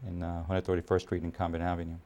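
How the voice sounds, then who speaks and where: A man in his fifties, born in Puerto Rico and raised in New York City, speaks as an army officer in a documentary interview. His deep, warm voice is monotone, and his measured delivery has frequent pauses and fillers.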